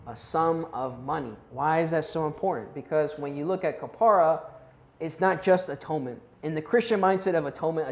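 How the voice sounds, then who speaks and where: Man, youth Bible class teacher, somewhat high voice, casual and conversational, roomy echo. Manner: conversational, checks in with the class, unsure of Hebrew and Greek pronunciations.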